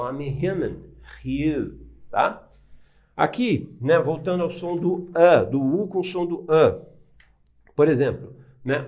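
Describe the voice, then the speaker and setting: A man's voice: medium pitch, creaky, a little mellow. A man with a Brazilian Portuguese accent, teaching an English lesson and explaining pronunciation step by step, often asking "né?" and pointing at words. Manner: pointing at words on a board or screen.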